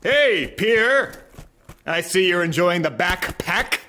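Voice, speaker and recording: A manic, bright-voiced zombie food-truck boss. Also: male voice, high voice, expressive, takes it slowly, a little hiss or hum, exaggerated voice. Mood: gleeful. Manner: theatrical, bossy, prone to shouting. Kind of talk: animated comedy dialogue.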